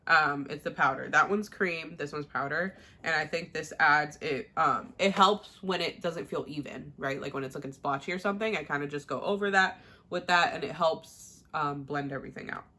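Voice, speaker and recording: In a casual makeup tutorial, a young beauty vlogger rambles through her daily routine, using fillers and laughing now and then. She has a deep voice with a bright, forceful tone and a moderate pace.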